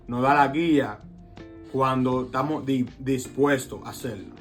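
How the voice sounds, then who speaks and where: A man's voice: mid-range voice, fairly even intonation, unhurried. A man sharing reflections in a casual preaching conversation, often checking in with his listeners. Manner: reflective, repeats phrases, asks "¿verdad?". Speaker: co-host of a faith talk show. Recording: phone recording with guitar music behind.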